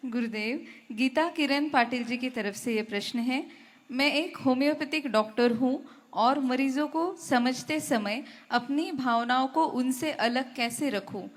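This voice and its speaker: A woman's voice: high voice, unhurried. A woman reading submitted questions aloud to a spiritual teacher in a formal, respectful manner. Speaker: question reader.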